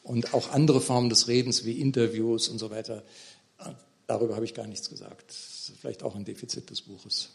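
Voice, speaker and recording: A man's voice: mid-range voice, fairly even intonation, a little fast, vocal fry. A middle-aged man talking about his book in a lecture hall, hesitant, with many fillers and restarts. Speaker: author at a book talk. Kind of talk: thoughtful academic talk.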